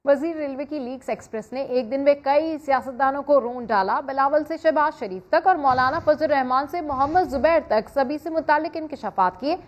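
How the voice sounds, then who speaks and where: A woman's voice: sits high, normal speed, few pauses. A woman with a Pakistani Urdu accent reading news in a bulletin. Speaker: news reader.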